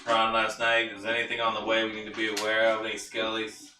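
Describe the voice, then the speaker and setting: Low, casual man at the game table. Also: completely flat delivery, fast. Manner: casual, joking. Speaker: player. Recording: echoey and far from the mic. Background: music.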